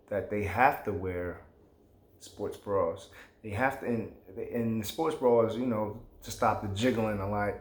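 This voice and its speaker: A man's voice: on the low side, roomy sound. A man vlogging, giving his opinions in a casual, emphatic, rambling way with plenty of slang.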